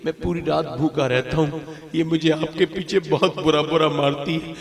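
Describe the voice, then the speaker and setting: A man voicing a small boy who complains softly about his stepmother. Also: on the high side, fairly even intonation, moderate pace, creaky. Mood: plaintive. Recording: echoey hall sound.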